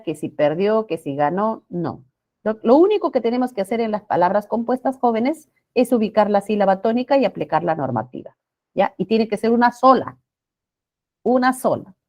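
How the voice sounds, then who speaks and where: Her voice is medium in pitch and a little mellow as she teaches spelling rules to a class. Patient throughout, this woman goes over points again, asks brief questions to confirm understanding, and stretches out her example words.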